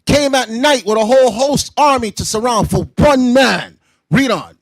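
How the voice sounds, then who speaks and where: Shouting high-voiced male preacher. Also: moderate pace, no echo. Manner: loud, confrontational, bursts into shouting; explains verses in everyday slang. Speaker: teacher leading a scripture class. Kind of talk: street-style preaching commentary.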